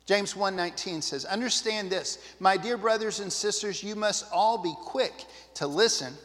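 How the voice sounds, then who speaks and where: A man preaches in a casual, earnest way, often turning to the congregation with asides. His voice sits high for a man. The sound carries the long reverb of a church hall. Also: normal speed, a bit bright. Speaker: pastor. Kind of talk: sermon.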